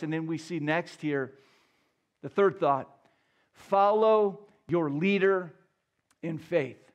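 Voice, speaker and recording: A man preaching a sermon as pastor, telling a personal story with earnest, restarting phrasing. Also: sits high.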